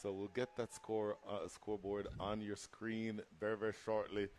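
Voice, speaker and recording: A man's voice: on the low side, level tone, normal speed, a little mellow. A man giving live cricket commentary and analysis, explaining the play in a conversational way.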